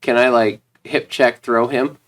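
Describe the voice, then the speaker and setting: A man with a middle-pitched voice, sitting in as a player at a tabletop game. He chats casually and often stumbles over his words, repeating them before he finishes. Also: steady tone, unhurried.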